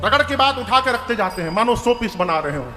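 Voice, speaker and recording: A man telling a devotional story as a sermon, lively and humorous, chanting verses now and then. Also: very high-pitched, brisk. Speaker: storyteller preacher. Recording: reverberant hall with faint music.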